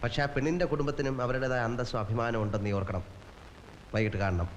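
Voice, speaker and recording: A man plays a stern older brother who talks in firm, measured warnings and sounds calm but threatening. His mid-pitched voice rings with a long reverb, and a faint hiss runs under it, as in an old film soundtrack. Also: natural voice. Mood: menacing. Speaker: lead actor in a crime drama film.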